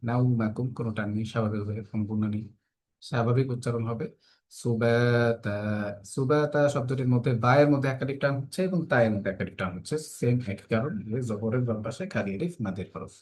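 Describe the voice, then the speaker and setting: In a tajweed lesson for kids, a man with a lowish, darkish voice patiently explains each rule step by step. He recites the verses slowly, stretching out the vowels.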